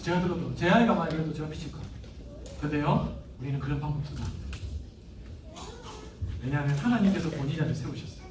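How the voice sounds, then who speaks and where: A man preaching a lively sermon as pastor, acting out parents and teachers as he goes. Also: on the high side, reverberant, recorded from a distance, slight background noise. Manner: animated, acts out parents and teachers in quoted voices. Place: church hall.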